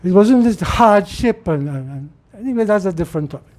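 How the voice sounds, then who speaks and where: Fairly quick and animated, this high-pitched man has a darkish tone. He's a middle-aged Trinidadian political speaker with a Trinidadian accent, rambling informally and repeating words as he starts over.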